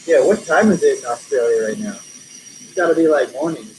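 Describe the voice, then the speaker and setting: A man's voice: medium pitch, expressive, moderate pace, a little mellow. A man in his early twenties hosting a casual livestream, chatting in a laid-back, slangy way with some swearing. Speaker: livestream host and maker of custom pieces. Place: working studio. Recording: hissy, noisy studio livestream.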